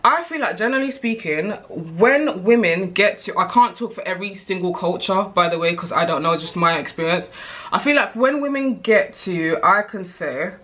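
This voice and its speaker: A woman's voice: mid-range voice, expressive, moderate pace, fairly bright tone. A British woman in her thirties chatting candidly to camera as a vlogger, rambling with frequent asides. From United Kingdom. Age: 30s. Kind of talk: casual chat to camera.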